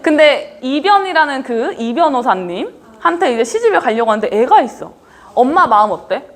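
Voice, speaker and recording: A woman with a high voice speaks at a moderate pace, delivering a leadership training talk. She's lively and casual, keeping things down-to-earth with her students and quizzing the audience again and again.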